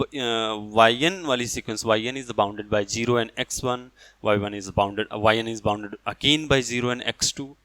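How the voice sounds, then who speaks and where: A man's voice: medium pitch, fairly bright tone, no echo. A man teaches a math lecture, explaining step by step and answering his own questions.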